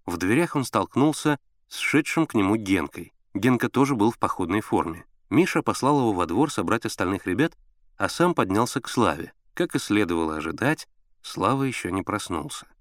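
Expressive male audiobook narrator. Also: on the low side, brisk, dry recording, clean studio sound.

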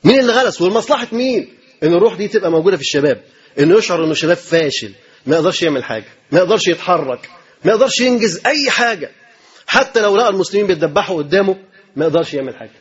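A man's voice: high voice, husky, lo-fi sound. An Egyptian man preaching a sermon in a colloquial style, piling up rhetorical questions and repeating his points. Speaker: sheikh giving a religious lecture.

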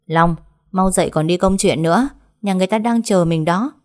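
A woman's voice: on the low side, normal speed, close to an everyday voice. A woman voicing a wealthy, doting mother who urges and pleads with her son. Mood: urging. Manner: pleading, urgent.

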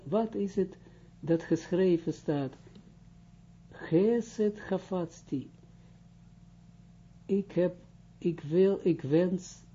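A middle-aged man teaching a religious study lesson, slow and halting, with many restarts as he translates and explains. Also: sits high, mellow, husky. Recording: dull lo-fi recording.

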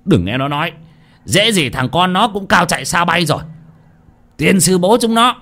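A man voicing a furious, vengeful old village man who shouts threats. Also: high voice, big pitch swings, normal speed, voice pushed up, full character voice.

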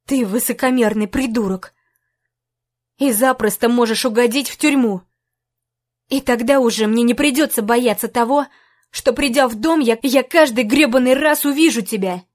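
Woman narrator playing enraged young woman, loud accusations, somewhat high voice. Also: normal speed, close to an everyday voice. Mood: furious. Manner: shouting angry accusations. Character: furious young woman confronting her ex.

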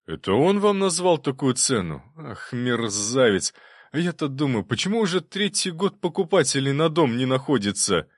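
A man doing a flustered, excitable prince. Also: medium pitch, moderate pace, no room sound, studio quality, pitched above the performer's own voice. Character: flustered, excitable middle-aged male prince.

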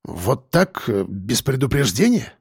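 A man's voice: a little high, expressive, normal speed, a little mellow, no room sound, studio quality. A man reading an audiobook, voicing a nervous, irritable aging professor who talks hesitantly and defensively.

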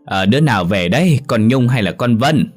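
A man's voice: low voice, normal speed, a little mellow, faint music behind. A man voicing an elderly village mother who talks on and on, fussing over her family. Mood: overjoyed.

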